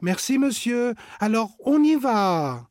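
Man doing a worried little girl, high and loud, storybook read-aloud. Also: animated, measured pace, no echo, clean studio sound. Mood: calling anxiously. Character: young girl, worried and eager.

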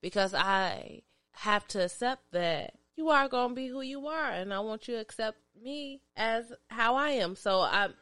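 A woman's voice: fairly high pitch, animated, unhurried, fairly bright tone, smooth. A woman in her thirties co-hosting a podcast, talking earnestly in casual banter with frequent restarts. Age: 30s. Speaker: podcast co-host.

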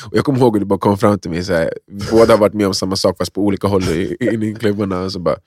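Young man, podcast co-host, casual storytelling, rambling, low voice, dry sound. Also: dry recording. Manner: rambling, animated, laughs while telling.

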